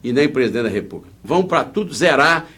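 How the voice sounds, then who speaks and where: A man's voice: mid-range voice, very animated, fast talker, a bit bright. Casting: male political candidate with Brazilian Portuguese accent, mid-range voice, fired-up and indignant, rambling emphatically through interview answers.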